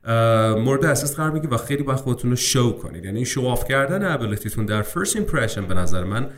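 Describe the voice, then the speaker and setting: A man teaching English speaking-exam preparation in a casual lesson. He talks to viewers as friends, and his speech is full of English terms. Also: mid-range voice. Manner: lively, addresses viewers as friends, mixes English terms into Persian.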